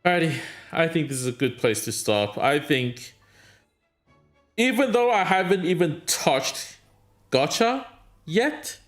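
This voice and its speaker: While streaming a mobile game, a man chats casually and rambles through answers to his chat, with faint music behind him. His voice sits on the high side and is expressive, unhurried, with long pauses.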